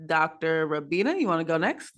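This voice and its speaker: A woman's voice: sits low, sing-song, fairly quick. Upbeat woman hosting a video call panel. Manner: upbeat, loose, many fillers. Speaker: host. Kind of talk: online panel talk show hosting.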